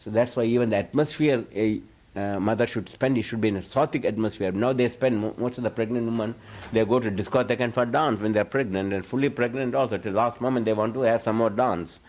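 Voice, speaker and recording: Medium in pitch and a little mellow, this man speaks quickly with hardly any pauses. A spiritual teacher at an informal live talk, he fields audience questions, meandering, restarting sentences often, and laughing softly as he speaks.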